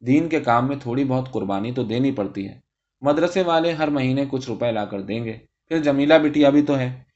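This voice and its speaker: A man's voice: medium pitch, animated, darkish tone, lightly acted. A man voicing a pious older cleric and father who lectures his wife in a self-righteous tone, on a dull recording. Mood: preachy.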